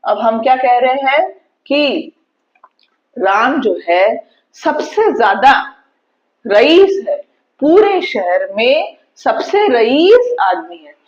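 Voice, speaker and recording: A woman with a high voice teaches grammar at an unhurried pace, putting questions to her class and answering them herself. The sound is slightly muffled and lo-fi. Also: big pitch swings. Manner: explains step by step, asks and answers her own questions. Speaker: English teacher.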